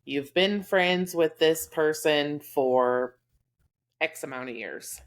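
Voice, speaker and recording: A deep-voiced woman from Texas speaks slowly with a Texas accent as she co-hosts a podcast. Her casual talk about friendships is candid and heartfelt, full of fillers.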